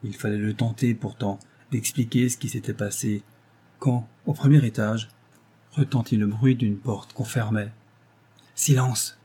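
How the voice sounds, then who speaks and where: A man narrating a novel in a measured, dramatic reading. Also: lowish voice, fairly even intonation, mellow, breathy edge. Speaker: audiobook narrator.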